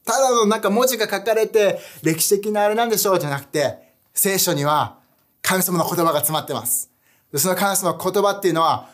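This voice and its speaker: A young man preaching a casual online sermon, animated and chatty, often asking his audience questions. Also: high voice. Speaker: youth pastor.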